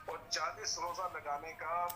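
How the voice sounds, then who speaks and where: A man's voice: fairly high pitch, level tone. A man calling in by phone, a cleric, insistently repeating his demand in a heated argument. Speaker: caller, cleric. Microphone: telephone on speaker.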